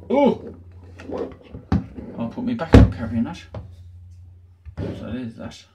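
A man hosting a retro gaming video, chatting casually through an unboxing with dry, sarcastic asides from a small room at home. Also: mid-range voice. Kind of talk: casual show-and-tell unboxing. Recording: noticeable background noise.

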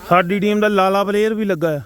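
A man's voice: high voice, steady tone, fast talker, fairly bright tone. A man with a Punjabi accent giving casual, joking, exclamatory commentary outdoors in a rural field as he films. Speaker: vlogger filming teammates at farm work.

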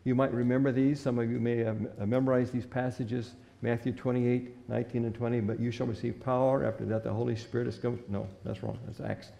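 Speaking fairly quickly with hardly any pauses, an older pastor reads scripture aloud and preaches from the church pulpit in an earnest, old-fashioned way. His medium-pitched voice is creaky and mellow, picked up by a stand mic, with a long reverb tail.

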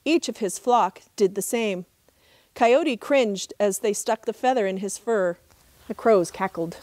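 A middle-aged woman, a park ranger, reading a trickster tale as expressive, measured storybook narration outdoors. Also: medium pitch. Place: outdoors in open desert.

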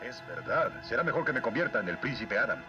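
A man plays an earnest young heroic prince of a cartoon. He talks fast and with lively swings of pitch, good-natured, in Latin American Spanish, with music behind him. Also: lo-fi sound, natural voice. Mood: agreeable. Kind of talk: dubbed cartoon acting.

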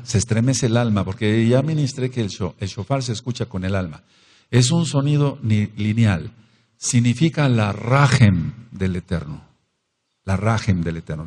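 A man's voice: on the low side, a little mellow, breathy edge. A man with a Mexican Spanish accent preaching a sermon as pastor, emphatic, repeating phrases and asking the congregation questions. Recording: long hall reverb.

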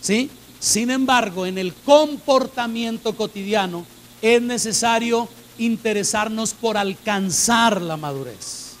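A man's voice: high-pitched, takes it slowly, slight background noise. A man preaching a sermon to a church congregation, repeating phrases for emphasis and asking the listeners direct questions. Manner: emphatic, repeats phrases to drive points home.

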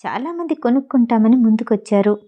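A woman voicing an obsessive, menacing young man who speaks low, quiet and cold. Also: animated, fast talker, dull audio.

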